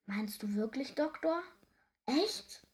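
A woman's voice: sits high, expressive, slow, voice pushed up. A woman voicing a sad, whiny male whale in a children's story. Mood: hopeful. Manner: whiny, moping.

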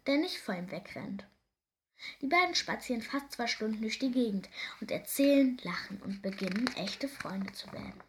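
A woman with a slightly high voice reads a children's story aloud, gently and expressively, now and then lowering to a soft whisper.

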